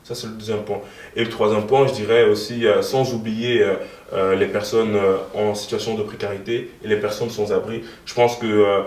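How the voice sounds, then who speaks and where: A man's voice: fairly low pitch, little pitch movement, normal speed, a little mellow. A young man in his twenties answering interview questions as a youth party co-president, speaking hesitantly with many fillers. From moved to Belgium in 2013. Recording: echoey room, from far off.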